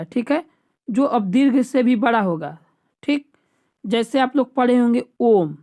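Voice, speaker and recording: A woman's voice: on the high side, a little mellow. A woman teacher giving an exam-prep lecture, explaining step by step and repeating key terms back to the class as questions. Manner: patient, stepwise explaining with frequent checks.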